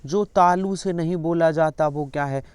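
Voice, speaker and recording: A man's voice: fairly high pitch, normal speed, darkish tone, clear, resonant tone, dry recording. A male teacher running an exam-prep lesson, repeatedly coaxing students to answer his questions.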